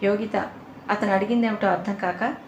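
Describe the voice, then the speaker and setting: A woman's voice: medium pitch, fairly even intonation, moderate pace, dull audio. A woman reading a novel aloud as a narrator, giving the characters' dialogue a slightly livelier lift in her own voice. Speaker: audiobook narrator. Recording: roomy echo, faint ambient noise.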